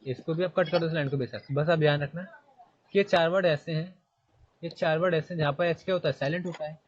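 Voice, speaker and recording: A male English grammar teacher in a classroom, repeating his points and firing quick questions at his students. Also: on the high side, steady tone, highs cut off, a little hiss or hum.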